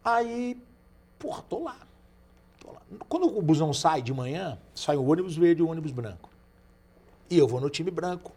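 A man's voice: fairly high pitch, normal speed, pauses often. A man in his forties from Brazil, telling anecdotes in casual chat and acting out the voices of the people in them. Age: 40s. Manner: lively anecdotal, acts out quoted voices. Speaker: podcast guest. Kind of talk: casual storytelling.

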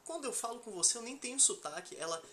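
A Brazilian man with a Bahian Salvador accent hosts a casual, joking podcast chat. His voice is bright and swings animatedly up and down. He leans on street slang and swearing, with some noise behind him. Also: very high-pitched, expressive, fast. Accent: Brazilian Portuguese, Bahian from Salvador. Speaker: podcast host.

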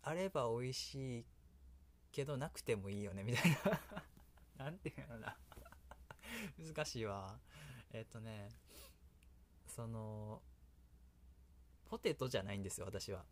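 Rambling through a relaxed solo radio talk and frequently laughing at his own remarks, this Kansai-accented host and creator speaks in a lowish voice at a measured pace with many pauses. A little hiss or hum is audible.

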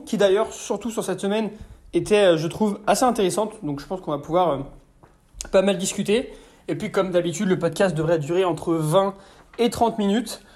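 A man's voice: high-pitched, darkish tone. A young man hosting his own podcast, answering listener questions in a chatty, hesitant way with many fillers.

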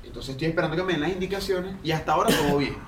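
Venezuelan co-host telling a story in a rambling, slangy way; slightly high voice, heard from a distance in a roomy space. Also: male voice, expressive, very fast, fairly bright tone, a little hiss or hum. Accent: Venezuelan Spanish. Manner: rambling, restarts mid-phrase, slangy. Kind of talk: casual storytelling chat. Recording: roomy distant mic, faint ambience.

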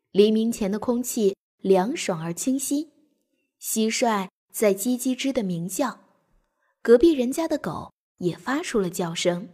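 A young woman narrating a bedtime story for children in a gentle, expressive way. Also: fairly high pitch, slightly rough.

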